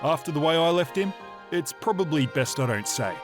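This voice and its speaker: Man acting a laconic wanderer, lively pitch. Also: brisk, over music, natural voice. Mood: guarded, casual. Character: laconic, cautious male wasteland wanderer.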